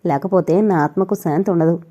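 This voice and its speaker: A woman voicing a dying young man who speaks haltingly, short of breath, in a storybook reading. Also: lowish voice, dark tone, slightly rough, muffled recording. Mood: faint.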